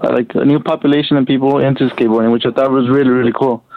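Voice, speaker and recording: A man's voice: mid-range voice, fairly even intonation, rapid-fire, creaky, no room sound. A man from Southern California calling in to a talk show over the phone, speaking loosely with lots of likes and ums. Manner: laid-back, loose, full of likes and ums. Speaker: caller. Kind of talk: casual call-in chat. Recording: dry tinny phone line.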